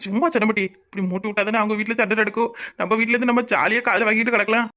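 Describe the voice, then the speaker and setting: A boastful young village husband brags and fusses over his wife in a swaggering, playful manner, as a voice actor puts him on. He talks fast with a bright, forward tone and a southern Tamil accent. He is a cartoon laborer who is proud of his strength. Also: medium pitch, fairly even intonation, lightly acted. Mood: cocky. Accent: southern Tamil (Tirunelveli). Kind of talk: cartoon voice acting.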